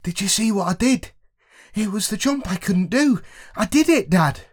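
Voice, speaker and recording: Storybook kid: a man playing an eager young boy, high and bright. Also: normal speed. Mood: proud. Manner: bright, boyish, excited.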